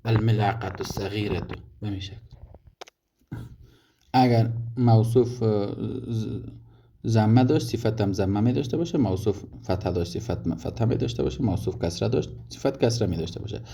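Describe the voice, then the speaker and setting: Deep-voiced man teaching Arabic grammar. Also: dark tone. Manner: explains step by step with many examples and hesitant restarts. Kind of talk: recorded grammar lesson summary. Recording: dull lo-fi audio with clear noise.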